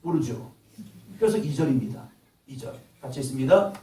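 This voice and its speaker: Male pastor mid-sermon, lively swooping pitch, heard from off-mic in a reverberant church. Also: moderate pace, distant mic. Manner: impassioned preaching, acts out God's voice with sudden loud rises. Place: church sanctuary.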